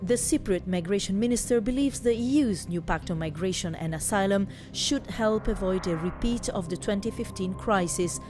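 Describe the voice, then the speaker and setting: A woman's voice: medium pitch, normal speed, hardly any pauses, over music. A woman reporter reading a scripted news voice-over.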